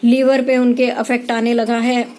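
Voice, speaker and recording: A woman giving a calm spiritual explainer talk as a tarot reader, pausing often with hesitations. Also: fairly high pitch.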